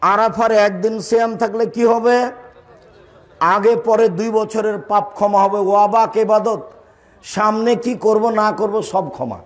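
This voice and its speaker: A man's voice: high-pitched, takes it slowly. An older man preaching a sermon, teaching his audience, repeating key points, asking them questions and scolding those who talk. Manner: scolds listeners for talking. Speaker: Islamic preacher.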